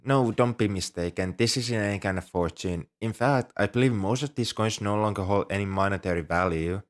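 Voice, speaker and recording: In an ASMR roleplay, a man voices an ancient, polite, nerdy dragon who collects coins, addressing the listener in a one-sided dialogue. His voice is lowish, brisk, and close to everyday speech, while his manner is earnest, a little prim, and scholarly. He sounds proud and fond.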